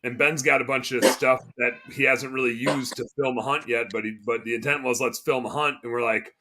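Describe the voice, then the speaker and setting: A man co-hosting a casual podcast, telling a hunting story with lively explanations and sudden loud bits of mimicry. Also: medium pitch, fairly quick. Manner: animated, explains for listeners, bursts of loud mimicry. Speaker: podcast co-host.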